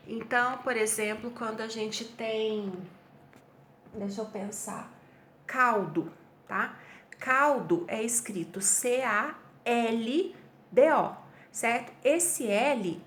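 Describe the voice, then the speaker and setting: A woman's voice: fairly high pitch, a little hiss or hum. A Brazilian woman teaching a Portuguese grammar review class, explaining patiently and checking in with her students often.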